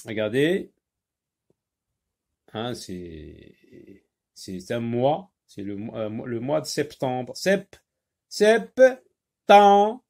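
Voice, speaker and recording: A man teaching a phonics lesson to young children, speaking slowly and deliberately and repeating each word to stress its sounds, recorded on a phone he holds in his hand. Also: mid-range voice, animated, gravelly, darkish tone. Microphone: handheld phone.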